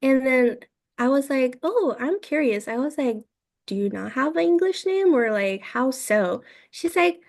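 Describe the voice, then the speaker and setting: A woman in her twenties who grew up in China speaks English as a second language, in a fairly high voice. She tells her story in casual, halting phrases, leaning on "like" and "I was like" to quote herself. She is a podcast guest in a relaxed interview. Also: vocal fry. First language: Mandarin. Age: 20s.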